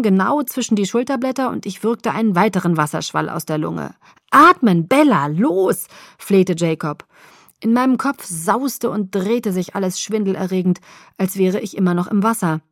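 A woman narrating an audiobook in an expressive, dramatic reading. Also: medium pitch, normal speed, dry recording, studio quality. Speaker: audiobook reader. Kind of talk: scripted narration.

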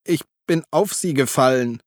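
A man voicing a drunk, clumsy detective who slurs, curses and shouts in an audiobook reading. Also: mid-range voice, slow pace, no echo, studio quality, voice pushed up, natural voice. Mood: drunk grumbling. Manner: slurring, loud, cursing.

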